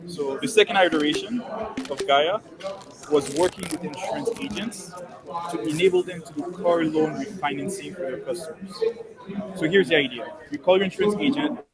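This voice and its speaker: A man, a startup founder giving a measured conference presentation over a video call. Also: a little high, over a noisy crowd, poor audio. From Haiti. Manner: measured, walks through points in order.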